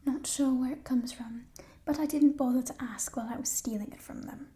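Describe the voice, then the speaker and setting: A woman in a whispered role-play as a playful, chatty thief, musing hesitantly in a burglar's hushed whisper over stolen treasure. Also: sits high, steady tone, a little fast, lightly acted. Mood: curious, sly. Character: playful, chatty female thief showing off stolen coins in a fantasy world.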